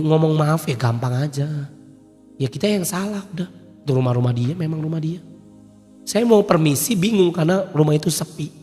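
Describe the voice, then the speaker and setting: A male preacher, telling a personal story in a casual sermon, swinging from loud emphatic peaks to quiet asides. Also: on the high side. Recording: long hall reverb, soft music behind.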